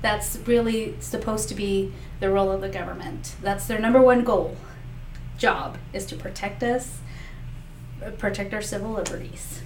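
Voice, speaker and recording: In an echoey room with a distant mic and faint noise, a woman who learned Spanish first answers interview questions as a political candidate. She is earnest and full of fillers and restarts, speaking at normal speed in a steady, mid-range voice.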